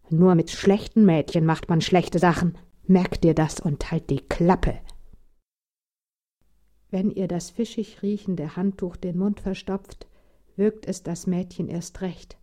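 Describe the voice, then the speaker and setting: Eine Frau, die einen literarischen Text ruhig und ernst vorliest. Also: female voice, fairly low pitch, dark tone. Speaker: reader. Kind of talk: literary audiobook reading.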